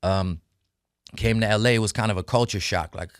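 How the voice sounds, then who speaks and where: A man's voice: on the low side, fairly quick, no room sound, studio quality. A young man from the Netherlands, a rapper chatting casually in an interview with a laid-back manner. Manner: laid-back, lots of "you know what I'm saying". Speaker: rapper, guest.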